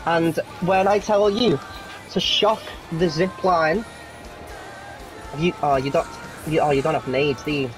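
A young man chatting casually while playing a co-op game, swearing often and calling out quick directions. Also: on the high side, fairly even intonation, faint music behind. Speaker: gamer. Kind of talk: casual gaming chat.

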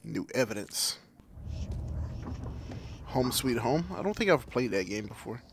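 A man's voice: medium pitch, animated, a little slow, gravelly, background noise. A man giving casual, chatty gameplay commentary as a streamer in an offhand way. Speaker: game streamer.

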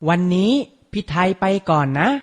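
A man hosting a children's reading lesson. He narrates a storybook tale and drills vocabulary with slow, deliberate, crisp enunciation and old-fashioned courtly politeness.

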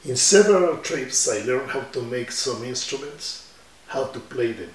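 A mid-range voice with lively intonation comes from a man in his 70s, a musician from Ecuador. He tells stories slowly and reflectively, with hand gestures, in an oral history interview held in an indoor room with guitars on the wall, recorded roomy from a distant mic.

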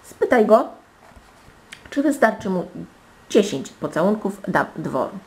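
A woman voicing a spoiled, haughty young princess in a storybook reading, with petulant, shrill exclamations. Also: very animated, a little slow, a little mellow. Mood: eager.

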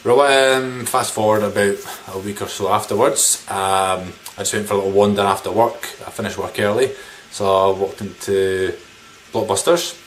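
Speaking at normal speed in a steady, low voice, a game collector vlogger shows his pickups to camera from a small indoor living room. He's informal, rambling, and mildly sweary, and the noisy recording picks up room ambience.

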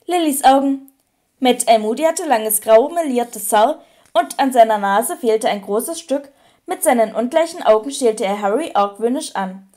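A woman narrating an audiobook with clear, even storytelling. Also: a little high, moderate pace. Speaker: audiobook reader.

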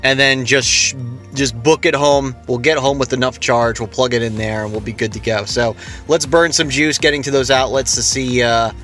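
A vlogger drives down the highway, casually narrating his road trip in a mid-range, fairly even voice at normal speed over music. He's chatty and upbeat, thinking aloud with plenty of fillers.

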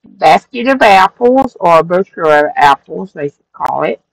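Her voice is fairly low and creaky, and she takes her time. A middle-aged crafting channel host flips through her handmade journal at her craft-room table, rambling comfortably with fillers and self-corrections, captured on poor audio without echo.

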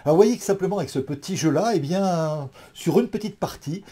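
A man's voice: high voice, animated, fairly quick, mellow. A man teaching a spoken lecture, thoughtful and full of fillers, leading his listeners through imagined scenes.

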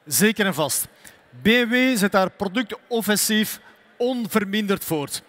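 A man's voice: high voice, lively intonation, a bit bright. A man, a company executive giving a prepared, formal press statement. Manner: formal, measured delivery. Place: expo hall.

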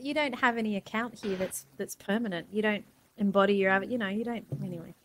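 An older adult woman in casual argumentative chat, speaking articulately and calmly challenging the other speaker. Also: mid-range voice, quick pace, slight background noise.

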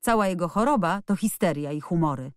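A woman's voice: on the low side, animated, brisk, no room sound, studio quality, lightly acted. A woman voicing a strong young nurse who speaks in a mocking, indifferent way in a storybook reading. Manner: mocking, giggling tone.

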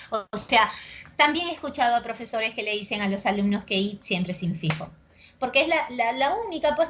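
A young woman with a Peruvian accent teaching a language class, lively and constantly checking that students follow along. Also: fairly high pitch. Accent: Peruvian Spanish. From Peru. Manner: lively, keeps checking understanding with quick tag questions. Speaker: pre-university language teacher. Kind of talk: recorded class lecture.

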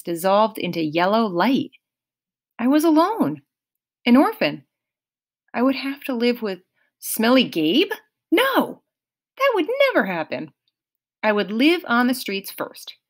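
A woman reading a novel aloud in first person, unhurried and expressive. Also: medium pitch. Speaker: audiobook reader.

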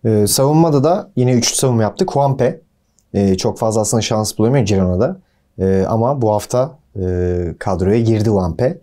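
Laid-back guy co-hosting a football show, mellow voice, keeps things moving. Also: on the low side, expressive, moderate pace. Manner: easygoing, agreeable, steers the segments. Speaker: football podcast co-host. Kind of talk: casual football talk.

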